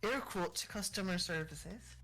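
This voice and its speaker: Blunt bright-voiced woman telling stories. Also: fairly low pitch, measured pace, soft background music, poor audio. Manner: blunt, emphatic storytelling. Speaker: podcast co-host, store worker. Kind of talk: casual chat.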